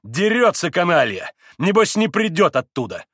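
A man's voice: high-pitched, big pitch swings, normal speed, a bit bright, husky, no room sound, studio quality, voice pushed up, heavily acted. A man reading an audiobook, voicing a hot-headed young nobleman who speaks boisterously. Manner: boisterous, breathless.

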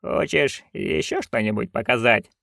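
A man voicing a stern, commanding old witch in an audiobook, speaking low, curt and dry. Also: expressive, a little slow, gravelly, fairly bright tone, no room sound, exaggerated voice. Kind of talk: audiobook reading.

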